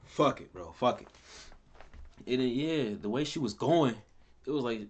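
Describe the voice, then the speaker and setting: A young man telling a rambling personal story in casual talk, repeating himself and cursing. His voice leaps higher and louder when he reacts. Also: normal speed. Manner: pitch and loudness jump wildly when he quotes or reacts. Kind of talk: casual story time vlog. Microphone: camera mic at close range.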